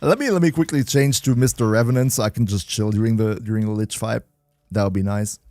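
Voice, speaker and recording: A fast-talking young German streamer with a fairly low, slightly mellow voice hosts a casual gaming stream in his German accent. Between frequent laughs he reads out chat and answers it, staying chatty throughout. The audio has no echo.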